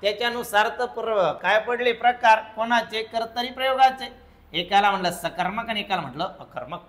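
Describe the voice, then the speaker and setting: Male teacher, bright and sharp-toned, drilling grammar rules by repetition, playful Q&A. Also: high-pitched, a little fast. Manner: lively, playful, answers his own questions. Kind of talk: grammar lesson for exam students.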